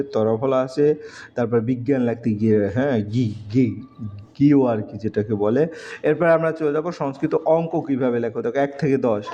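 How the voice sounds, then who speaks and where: A male teacher walking students through an exam-prep lesson, slowly reciting letters and numbers one by one. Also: medium pitch, dark tone, a little hiss or hum. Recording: dull lo-fi recording.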